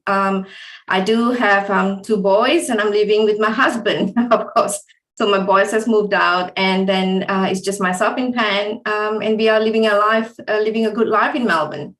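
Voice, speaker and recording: A woman's voice: mid-range voice, fairly bright tone, reverberant, rough recording. A woman from Singapore answering interview questions, hesitant, with many ums. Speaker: guest.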